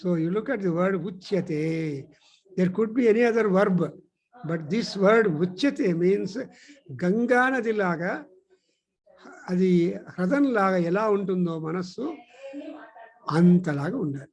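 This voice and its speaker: High-pitched, very slow-spoken man. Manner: explanatory storytelling, pausing with "uh". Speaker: spiritual teacher giving a scripture discourse. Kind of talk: spiritual discourse. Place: teaching centre.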